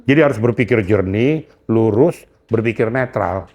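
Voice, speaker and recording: A man's voice: on the low side, normal speed, a little mellow. Older man, indignant, scolding, emphatic, interview guest. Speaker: retired police general, guest. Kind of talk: heated interview talk.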